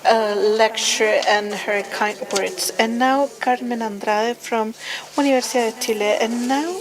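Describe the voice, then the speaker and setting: High-voiced woman interpreting live. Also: steady tone, measured pace, low-quality recording. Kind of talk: simultaneous interpreting.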